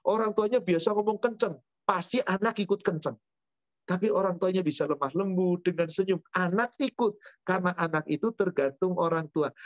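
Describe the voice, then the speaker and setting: The speaker is a man teaching Islam at a study session, his voice high and the recording dry. He tends to answer with rhetorical questions and spoken enumerations, and the audio has a dull, lo-fi quality.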